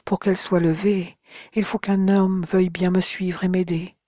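A reader voicing a very young, ghostly cursed woman who pleads in soft whispers with old-fashioned courtly address. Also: medium pitch, level tone, normal speed, no echo, studio quality, lightly acted. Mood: pleading whisper. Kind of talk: audiobook character voice.

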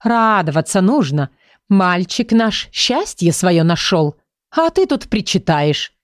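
A stern older lady of rank who snaps out orders and grumbles about disorder, as a woman reader plays her. Her voice sits low and close, with a brisk, clipped manner. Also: sing-song, no echo. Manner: curt, commanding, grumbling. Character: stern commanding older noblewoman, brisk and bossy.

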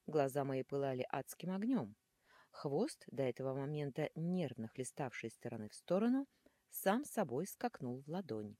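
A woman narrates a first-person fantasy audiobook in a low, dark, husky voice. Her delivery is animated and dramatic, with wide swings in pitch. The recording is close and dry. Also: normal speed, no room sound. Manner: animated, dramatic, shifting into hissing whispers.

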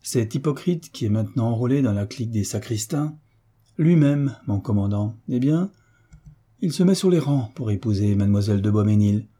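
A man's voice: fairly low pitch, lively intonation, moderate pace, warm tone, breathy edge. A man voicing a young duke, earnest and somewhat hesitant.

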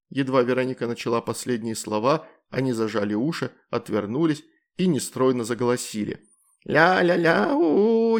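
A man narrating a fantasy storybook in an even, measured way. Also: medium pitch. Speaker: audiobook narrator.

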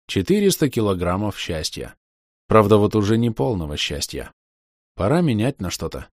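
A man with a low voice reads a first-person fantasy novel in a wry, expressive manner, his pitch rising and falling freely. The recording is dry and close, with no room sound. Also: normal speed, dry recording. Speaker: audiobook narrator.

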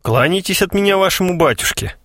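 A man's voice: sits high, expressive, fairly quick, fairly bright tone, dry recording, clean studio sound, voice pushed up, heavily acted. A man doing a moody, newly rich young man. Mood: brooding. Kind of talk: audiobook character voice.

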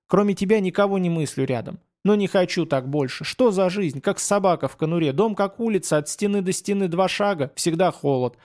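A man's voice: high voice, a little fast, hardly any pauses, a little mellow, pitched above the performer's own voice, natural voice. A male reader voicing a young Cossack woman who pleads with her partner in long emotional outbursts. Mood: weary.

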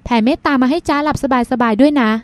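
A woman's voice: sits high, fast, no room sound, natural voice. A woman reading the part of a teasing, sulky young woman who speaks in a pouty, bratty way.

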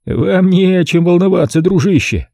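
A man's voice: fairly high pitch, very animated, normal speed, warm tone, husky, no room sound, voice pushed up, full character voice. A man reading an audiobook, voicing a playful, boastful middle-aged club owner in a raised voice. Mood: condescending. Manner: gleeful, condescending, boastful. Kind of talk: audiobook character voice.

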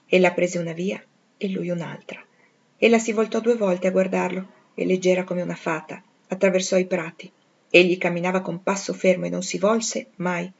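A woman narrating a classic novel in a measured, expressive reading, on a dull lo-fi recording. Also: medium pitch, husky. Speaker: audiobook reader. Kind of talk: literary audiobook narration.

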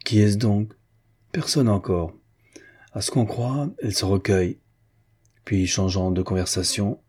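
A man narrates a classic novel in a measured, even reading. His voice is low and dark, with a husky edge. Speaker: audiobook narrator.

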